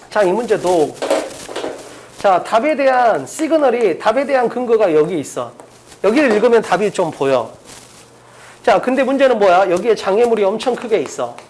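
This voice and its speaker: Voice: medium pitch, darkish tone. An English exam-prep lecturer teaching a class in an informal, emphatic way, constantly posing rhetorical questions and checking that students follow.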